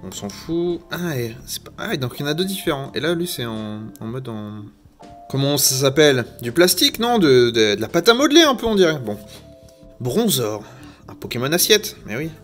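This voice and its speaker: A YouTuber opens Pokémon card packs while giving casual, self-mocking commentary to camera, jokey and chatty with wandering asides. His medium-pitched, slightly bright voice swings widely in pitch at a normal speed, over soft background music.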